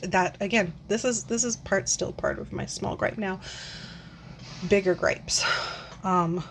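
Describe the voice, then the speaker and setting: A woman's voice: mid-range voice, a little slow, vocal fry, slight background noise. Rambling, profane woman in her forties. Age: 40s. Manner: rambling, profane, frequent sighs and fillers. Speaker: book vlogger. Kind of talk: casual rant.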